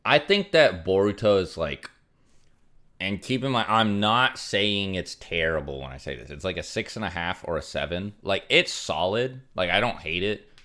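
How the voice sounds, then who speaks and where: Low-voiced young man rambling on stream. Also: lively intonation, moderate pace, sharp tone. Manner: rambling, filler-heavy, frequent "like" and "um". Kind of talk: casual livestream chat reading donations.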